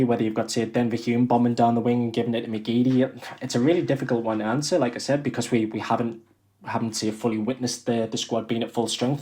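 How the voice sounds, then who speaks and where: A man's voice: medium pitch, darkish tone. A man giving casual, conversational football opinions as a podcast panellist. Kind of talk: casual football fan chat.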